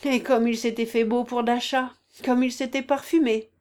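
A woman's voice: medium pitch, expressive, normal speed, a little mellow, lightly acted. A woman voicing an imperious aging noblewoman who scolds and gives orders in a raised, emphatic voice. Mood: bitter, reproachful.

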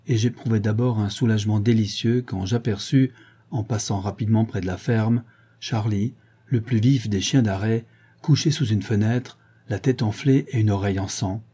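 Give me a man narrating a novel with a measured, expressive delivery. His voice is very dark and mellow, low-pitched, with a husky grain. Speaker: audiobook reader.

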